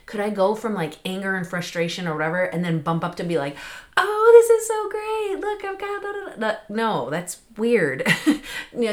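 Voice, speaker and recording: Hoarse female podcast host, low voice, rambling and chatty; the mic sound has turned echoey. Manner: chatty, rambling, many fillers. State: hoarse, losing her voice. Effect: sudden echoey sound on her mic. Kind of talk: casual solo podcast talk.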